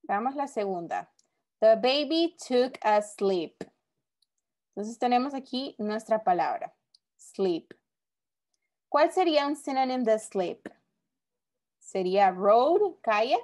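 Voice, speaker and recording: Slow-paced patient woman teacher. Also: a little high, expressive, darkish tone. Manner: patient, explains each word slowly and repeats it. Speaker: English teacher. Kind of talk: recorded language lesson.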